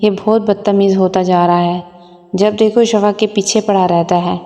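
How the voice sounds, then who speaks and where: A woman's voice: mid-range voice, steady tone, dark tone, big-room sound, lightly acted. A woman voicing a resentful, jealous young wife and mother who speaks reproachfully.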